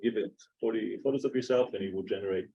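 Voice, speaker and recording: Israeli guy giving a seminar talk, mellow dark voice, keeps saying uh. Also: on the low side, gravelly, husky, lo-fi sound. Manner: halting, many filler "uh"s. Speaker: seminar speaker. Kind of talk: academic talk. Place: lecture room.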